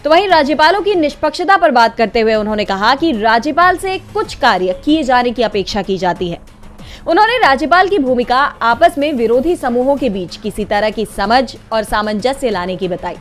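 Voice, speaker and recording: A woman news anchor presenting scripted breaking news with an emphatic, dramatic delivery. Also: on the high side.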